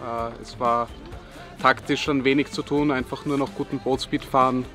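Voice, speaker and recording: A man's voice: medium pitch, fairly even intonation, moderate pace, sharp tone, soft background music. Confident male skipper at a marina. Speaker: winning skipper interviewed. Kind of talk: casual interview. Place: outdoors at a lakeside marina.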